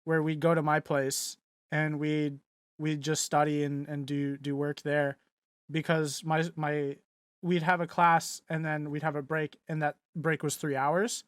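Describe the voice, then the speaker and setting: A man's voice: on the high side, little pitch movement, measured pace, smooth, no room sound, clean studio sound. A young man co-hosting a podcast, chatting casually and rambling with many fillers and restarts. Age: young adult. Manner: mimics voices loudly in quotes. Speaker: podcast co-host. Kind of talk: casual chat.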